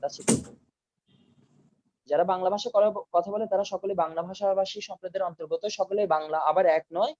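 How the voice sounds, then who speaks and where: A high-pitched man lectures his students over a video call and repeats each key term slowly so they can write it down. The sound is dry and a little dull, like online call audio. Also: steady tone, a little mellow, dry recording. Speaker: teacher. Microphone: video call mic.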